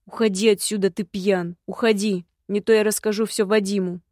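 A stern older woman, a grandmother who takes charge in firm, decisive words, voiced by a woman narrator. Her delivery stays level, with little change in pitch. The sound is dry and close. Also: fairly even intonation, normal speed, a little mellow, no room sound, lightly acted. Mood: angry command.

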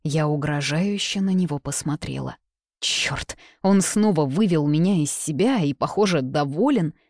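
A woman with a low voice narrates a novel in the first person. Her reading is measured and expressive, recorded close and dry with no room sound. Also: dry recording. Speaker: audiobook narrator.

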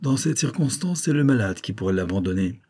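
A man's voice: mid-range voice, moderate pace, mellow, close to an everyday voice. A man doing a grumpy old statesman. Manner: gruff, impatient. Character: grumpy gouty older statesman, impatient. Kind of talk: audiobook character voice.

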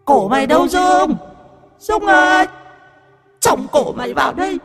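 A woman voicing a vengeful female ghost in a horror audiobook, calling out with an eerie, drawn-out manner. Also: very high-pitched, expressive, faint music behind, full character voice. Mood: menacing.

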